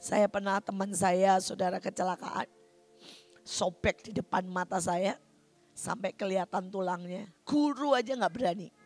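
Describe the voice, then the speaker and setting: Woman preaching, gravelly voice, speaks to congregation, faint music behind. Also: medium pitch, moderate pace. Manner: addresses congregation often, swings from quiet to loud. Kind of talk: sermon testimony.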